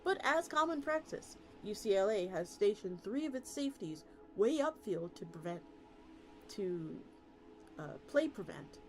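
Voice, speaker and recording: A VTuber streamer reads a story in a very animated, unhurried mid-range voice. Music sits beneath her, and she sometimes trips over words and restarts lines.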